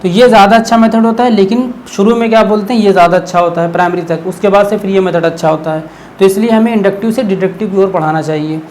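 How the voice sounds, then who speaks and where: A man teaching an exam-prep class at a brisk, rapid clip. His voice sits high for a man. He keeps the lesson casual, answers his own questions and checks in with a steady "okay?". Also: slight background noise. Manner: explains by asking himself questions, keeps adding "okay?"; relaxed, conversational teaching tone.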